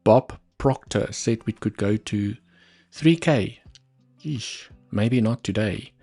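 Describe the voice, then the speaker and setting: Speaking slowly in a mellow, low-ish voice, a man hosts a live trading stream with faint music behind him. He has a South African accent and Afrikaans as his first language. His live market analysis is him thinking aloud over the charts, with muttered asides.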